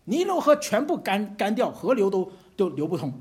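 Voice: mid-range voice, sing-song, normal speed, darkish tone, close to an everyday voice. A preacher voicing a boastful ancient king. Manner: arrogant, boasting.

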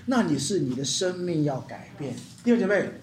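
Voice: medium pitch, very animated, a little fast, darkish tone, a little hiss or hum. A pastor preaching with emphatic rhetorical questions and calls for the congregation to repeat after them. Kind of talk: sermon. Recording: roomy hall sound with faint guitar.

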